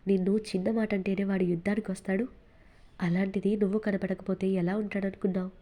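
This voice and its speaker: A woman's voice: medium pitch, little pitch movement, fairly quick, dark tone, close to an everyday voice. A woman reading the part of a commanding young man who teases his partner and protects his family, in an audiobook novel. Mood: reassuring. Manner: bossy and playfully teasing.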